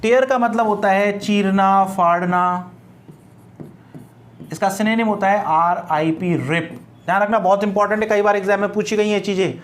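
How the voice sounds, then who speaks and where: A man teaching grammar in a classroom-style lecture, explaining slowly, repeating words and spelling them letter by letter. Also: high-pitched, steady tone.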